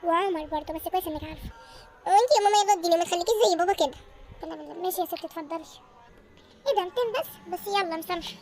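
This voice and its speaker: A squeaky, bossy little girl with an Egyptian accent, greedy for her holiday money, as a woman puts her on. She rattles off her lines at breakneck speed in a very high voice. Faint music plays behind her in this home-made toy drama. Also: steady tone, a little mellow. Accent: Egyptian Arabic. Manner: bossy, rapid chatter.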